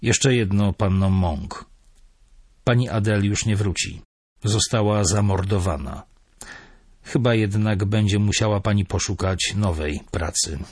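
A man's voice: on the low side, a little mellow, dry recording, studio quality. A man voicing a stern, cool-headed police officer who speaks firmly and coldly. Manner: firm, measured, cold.

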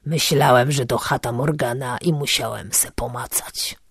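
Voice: medium pitch, fairly even intonation, moderate pace, vocal fry, a bit bright, husky, dry recording, clean studio sound, voice pushed down. A narrator voicing a grubby, gap-toothed male bottle collector who talks in a coarse, cheeky, overly familiar way.

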